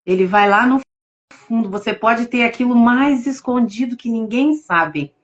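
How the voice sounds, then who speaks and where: A Brazilian woman, a tarot reader, telling her story with deep emotion in a live interview over a video call. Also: a little slow, lo-fi sound. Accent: Brazilian Portuguese. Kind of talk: casual testimony in a live interview.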